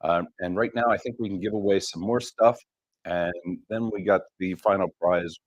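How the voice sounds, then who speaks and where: Deep-voiced man demoing gear. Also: fairly even intonation, moderate pace, no room sound, dull audio. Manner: explains gear step by step with many ums. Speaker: gear company owner hosting a live stream. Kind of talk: casual product demo on a live stream.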